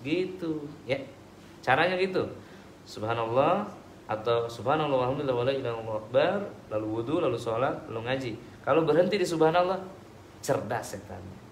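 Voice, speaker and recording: A man's voice: mid-range voice, expressive, a little fast. Male ustaz, chatty Q&A, echoey hall, slight hiss. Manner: conversational, acts out dialogues, checks understanding. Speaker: ustaz answering questions. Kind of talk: religious talk with audience Q&A.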